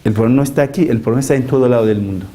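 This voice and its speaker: A man's voice: mid-range voice, racing, warm tone. A man teaching a religion class, arguing animatedly and asking rhetorical questions. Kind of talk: lecture.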